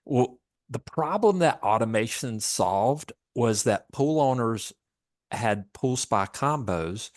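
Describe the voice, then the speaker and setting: A man's voice: mid-range voice, expressive, slow, no echo, clean studio sound. A middle-aged man with a Southern US accent, presenting in a webinar in a folksy, joking storytelling manner. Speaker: product manager and presenter.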